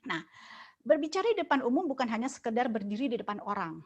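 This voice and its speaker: A woman coaching public speaking in a webinar, animated, asking rhetorical questions and filling pauses with "eh". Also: fairly high pitch, highs cut off. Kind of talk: webinar talk. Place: online webinar.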